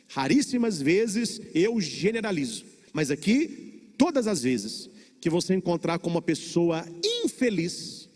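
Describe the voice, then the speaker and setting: High-voiced Brazilian priest preaching in a church. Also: male voice, darkish tone, long reverb tail. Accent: Brazilian Portuguese. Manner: preaching with dramatic pauses and repetition. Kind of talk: sermon.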